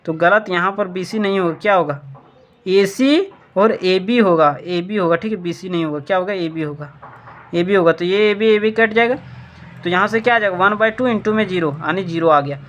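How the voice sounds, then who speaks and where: High-voiced man teaching maths step by step. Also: normal speed, a little hiss or hum. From India. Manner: asks and answers own questions, repeats key points. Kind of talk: step-by-step board lesson.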